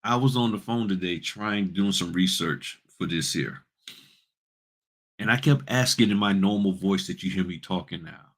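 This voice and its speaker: A man's voice: sits low, normal speed, a bit bright, slightly rough. A man hosting a notary business channel, talking in a casual, blunt, rhetorical way that teases his listeners. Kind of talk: casual, preachy straight-talk monologue.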